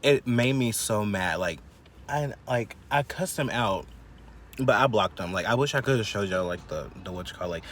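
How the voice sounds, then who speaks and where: A man's voice: lowish voice, expressive, fairly bright tone, slight background noise. A man in his twenties vlogging from a parked car, chatting casually and ranting with lots of fillers and swearing. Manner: profane, filler-heavy, quick to anger. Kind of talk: casual vlog rant.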